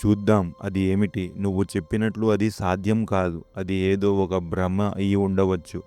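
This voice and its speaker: A man voicing a calm young husband on a night bus trip, reading his lines plainly in his own voice. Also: sits low, moderate pace, smooth, soft background music, lightly acted. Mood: reassuring.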